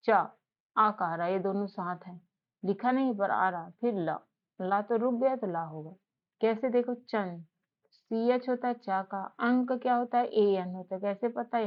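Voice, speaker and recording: A woman teaching a casual spoken lesson on spelling, patiently repeating questions back to the learner. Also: mid-range voice. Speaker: English teacher. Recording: slightly dull lo-fi audio.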